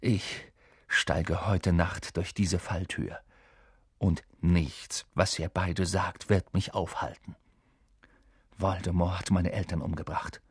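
A man reading aloud, voicing a determined young schoolboy in a hushed, earnest way. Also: fairly low pitch, normal speed, husky, no echo, studio quality. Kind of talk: audiobook character voice.

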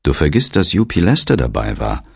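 A man's voice: rumbling low, huge pitch swings, fairly quick, vocal fry, husky, dry recording, clean studio sound, heavily acted. A man voicing a strong-willed, commanding upper-class mother in an audiobook, probing and insistent.

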